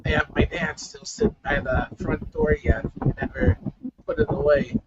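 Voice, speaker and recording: A man making brief, soft-spoken remarks in a casual chat, his weak mic making him sound like he is talking into a fan. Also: extremely high pitch, wildly swooping pitch, normal speed, vocal fry, distant mic. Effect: muffled audio as if talking into a fan. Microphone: weak computer or phone mic. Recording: dull muffled audio with loud fan noise.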